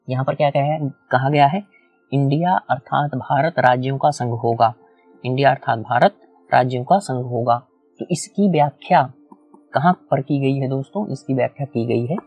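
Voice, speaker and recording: A man's voice: medium pitch, creaky, a little mellow, breathy edge, no room sound. A man teaching a whiteboard lecture, explaining step by step, repeating key points and asking the class questions. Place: small room with a whiteboard.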